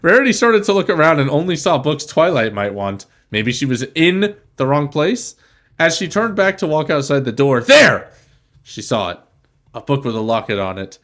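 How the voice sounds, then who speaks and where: A man's voice: a little high, big pitch swings, moderate pace, fairly bright tone. A man hosting a comedy podcast, reading a fan story aloud and breaking in with sardonic asides. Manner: sardonic asides, laughing interruptions. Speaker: podcast host.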